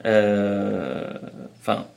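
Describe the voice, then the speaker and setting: Un homme d'âge moyen, invité d'une interview, qui explique et raconte des anecdotes sur un ton familier, avec des hésitations et des reprises. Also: male voice, fairly low pitch, drawn-out words, creaky, a little mellow. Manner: explanatory, anecdotal, hesitant restarts. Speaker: guest, traveling parent. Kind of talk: casual interview chat.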